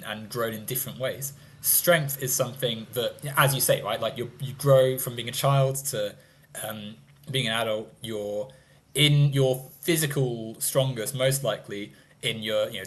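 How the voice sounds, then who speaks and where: A man's voice: lowish voice, fairly bright tone. A man in his twenties in a casual debate, talking in a rambling, hedging way with frequent laughs. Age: 20s. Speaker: guest.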